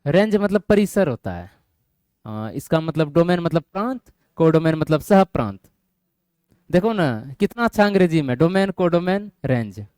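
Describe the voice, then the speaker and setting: A man's voice: on the high side, big pitch swings, moderate pace, darkish tone, no echo, clean studio sound. A male math teacher lecturing a classroom of students, often quizzing them and asking if they follow. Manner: quizzes students, keeps asking "getting my point?".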